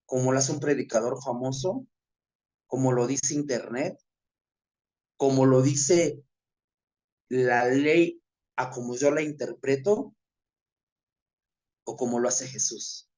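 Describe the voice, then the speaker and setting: Devotional preacher, 30s-40s, fervent and repetitive, stumbles into restarts and climbs to emphatic peaks. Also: mid-range voice. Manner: impassioned, with stammered restarts and repeated phrases; builds to emphatic peaks, then slows into quiet prayer. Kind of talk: devotional sermon and prayer.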